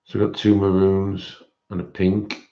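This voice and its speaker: A man with a fairly deep voice hosts a casual livestream. He talks to viewers informally, hesitating and thinking out loud as he goes. The sound is dull and lo-fi. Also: completely flat delivery, a little slow. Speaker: livestream host.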